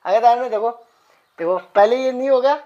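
Quick-talking male flute teacher. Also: very high voice, mellow, lo-fi sound, faint music behind. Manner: chatty, quick explanations between sung note syllables. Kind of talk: casual music tutorial.

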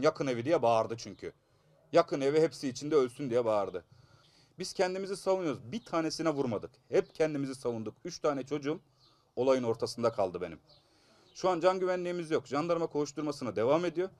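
A man in his thirties speaks quickly and urgently, sounding aggrieved as he pleads for justice. His nose is blocked, giving his fairly high voice a congested sound. The recording is close and dry. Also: darkish tone, no echo. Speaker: assault victim giving a statement. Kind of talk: news interview statement.

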